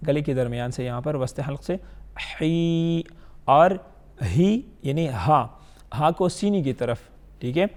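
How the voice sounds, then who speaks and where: A man teaching Quran recitation, patiently explaining and sounding out letters slowly, checking often that students follow. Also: on the high side, a little mellow. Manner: drawn-out letter drills, checks understanding often. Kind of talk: instructional lesson.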